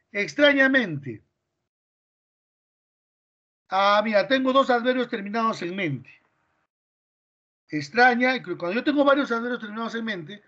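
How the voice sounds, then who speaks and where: Peruvian guy teaching grammar in class, high bright voice, kinda dull lo-fi sound. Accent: Peruvian Spanish. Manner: explains step by step, quizzing students with questions.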